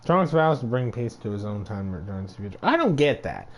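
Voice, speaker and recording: A man's voice: lowish voice, big pitch swings, a little fast. A man streaming a video game, giving casual, rambling commentary and joking around with silly robot noises.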